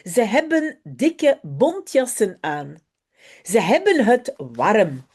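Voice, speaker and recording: A hoarse woman voicing the little girl Janneke as she reads a storybook aloud. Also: medium pitch, very animated, takes it slowly, darkish tone, exaggerated voice. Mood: cheerful.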